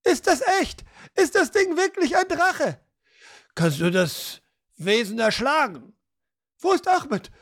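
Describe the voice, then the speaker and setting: A woman reading an audiobook, voicing frightened villagers who shout anxious questions in much higher voices. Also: very animated, heavily acted. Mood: fearful. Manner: anxious, pleading rapid questions. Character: frightened villagers, high shrill crowd voices.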